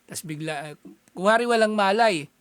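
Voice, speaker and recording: A man from the Philippines giving a casual, animated talk, chuckling often and acting out little exchanges as he explains. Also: high-pitched, moderate pace, clean tone, dry recording.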